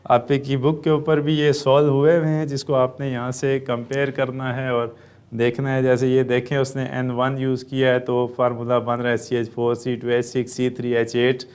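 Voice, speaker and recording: A man with a Pakistani Urdu accent teaching a chemistry lesson, explaining step by step and answering his own questions, with frequent "uh" pauses. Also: mid-range voice, monotone, a little mellow, smooth. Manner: often says "uh". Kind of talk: classroom lecture.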